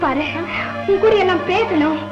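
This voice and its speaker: An actress playing a madwoman who coaxes and pleads, on a dull old film soundtrack over loud music. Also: very high voice, unhurried. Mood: pleading. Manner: coaxing, pleading. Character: pleading madwoman, eerily gentle.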